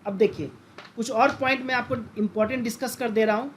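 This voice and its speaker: A man's voice: extremely high pitch, fairly even intonation, brisk, slight background noise. A man teaching a lesson in lecture style, who keeps asking the class questions and repeating the key terms. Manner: addresses listeners as friends.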